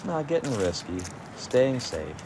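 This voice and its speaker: A man giving low-key, measured golf commentary, calling the play shot by shot. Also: big pitch swings, noisy background.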